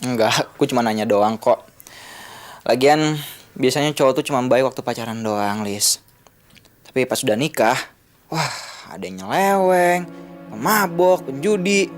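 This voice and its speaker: A man's voice: mid-range voice, a little slow, faint music behind, close to an everyday voice. An actor playing a young man who coaxes a friend in casual slang. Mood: coaxing. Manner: casual, coaxing.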